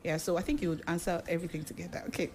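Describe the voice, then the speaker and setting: A woman hosting a radio talk show, laughing often and filling pauses with "um" while she reads out listeners' questions. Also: fairly low pitch, steady tone, a little mellow, a little hiss or hum. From Nigeria. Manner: laughs often, many fillers. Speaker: host.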